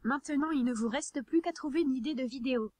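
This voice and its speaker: A synthetic text-to-speech woman's voice reading scripted tutorial narration in an even, neat, instructional way. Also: high-pitched, fast talker, no room sound. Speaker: narrator of a hobby tutorial video.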